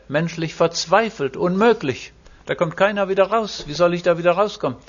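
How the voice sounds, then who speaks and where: German preacher in a dull lo-fi recording. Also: male voice, mid-range voice. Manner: emphatic Bible exposition, reads scripture slowly and solemnly. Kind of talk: sermon.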